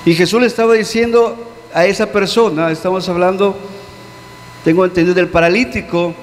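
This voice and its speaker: High-voiced pastor preaching. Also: male voice, steady tone, brisk. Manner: earnest, questioning, dropping low on key words. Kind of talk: sermon. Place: church hall. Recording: long church-hall reverb with faint hum.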